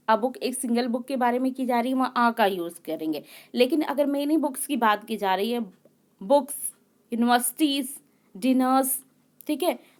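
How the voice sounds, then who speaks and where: Woman teaching grammar, slow and repetitive. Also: a little high. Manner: explains slowly, repeats words and checks in with "okay"; reads English rules slowly, then explains them. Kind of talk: classroom grammar lesson.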